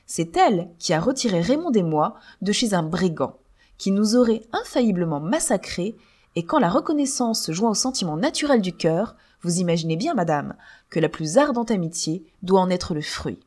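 A woman's voice: fairly low pitch, big pitch swings, normal speed, darkish tone. A woman reading an audiobook, voicing a devoted young girl under eighteen who pleads in a tearful, imploring way. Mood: pleading.

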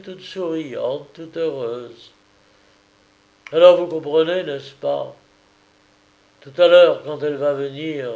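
A man's voice: a little high, gravelly, mellow, low-quality recording. A man voicing an anxious, devoted husband in an audiobook, speaking earnestly and pleadingly. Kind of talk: audiobook character reading.

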